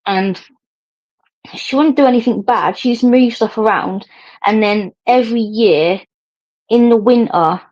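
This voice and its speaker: A woman's voice: medium pitch, a little mellow. Chatty woman, lo-fi stream audio. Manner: chatty, rambling, laughs often. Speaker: livestream host. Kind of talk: casual chat to viewers.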